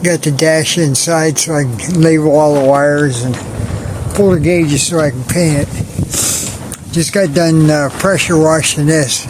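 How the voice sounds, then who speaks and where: A man chatting casually in a DIY vlog about restoring his jeep, relaxed and rambling with many pauses, out in his garage. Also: a little high, background noise. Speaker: hobbyist vlogger restoring a jeep. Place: outdoor garage work area.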